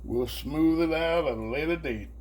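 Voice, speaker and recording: A man's voice: fairly high pitch, normal speed, a little mellow. A man chatting casually and colloquially as he hosts a homemade cooking demonstration. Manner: folksy, colloquial, with y'all and homespun phrases. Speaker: host of a home cooking video channel. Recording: faint background noise and hum.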